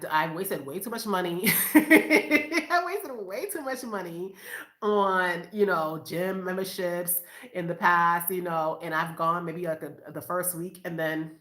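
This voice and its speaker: The echoey recording captures a Boston mom of five on a home live stream in her room, chatting cheerfully and casually, often laughing and saying "you guys." Her voice is fairly low with a sharp tone.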